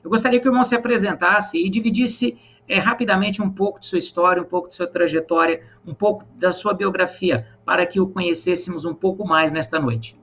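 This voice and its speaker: A man hosting an online church program, praying and greeting viewers in an earnest, measured way with many pauses. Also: sits high, fairly even intonation, fairly bright tone, muffled recording, a little hiss or hum. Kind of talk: prayer and live-stream hosting.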